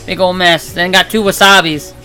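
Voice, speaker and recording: A woman's voice: lowish voice, steady tone, normal speed, sharp tone, soft background music, poor audio. Hiccuping woman unboxing toys. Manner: chatty, narrates what she unboxes. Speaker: channel host. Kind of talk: casual toy unboxing chat.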